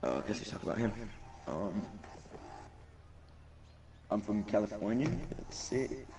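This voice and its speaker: Young streamer with a gravelly voice. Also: male voice, lowish voice, lively intonation, measured pace, background noise. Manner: hyped, slangy, reads chat aloud. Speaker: gaming streamer. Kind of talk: casual live-stream chat. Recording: distant mic under loud game music. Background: loud game music.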